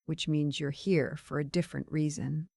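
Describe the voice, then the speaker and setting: A woman voicing a measured older gentleman. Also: deep voice, fairly even intonation, creaky, dry recording, clean studio sound. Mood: quiet, courteous. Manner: measured and quiet. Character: calm, courteous older gentleman in his sixties.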